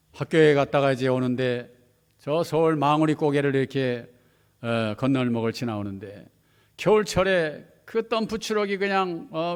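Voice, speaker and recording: A male pastor preaching to his congregation, telling a story dramatically and swinging from hushed to loud. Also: a little high, clean tone, long reverb tail. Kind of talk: sermon storytelling. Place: church hall.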